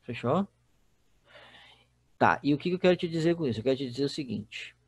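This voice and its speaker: A man's voice: mid-range voice, lively intonation, fairly quick, creaky, breathy edge, no room sound. A man with a Brazilian Portuguese accent teaching a recorded online class, explaining step by step and often checking in with the students. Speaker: Spanish teacher.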